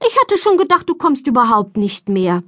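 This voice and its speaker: A woman's voice: on the high side, big pitch swings, moderate pace, a bit bright, no room sound. A woman voicing a horse-mad schoolgirl friend with a dry, mock-exasperated manner, in a children's storybook. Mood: mock impatient.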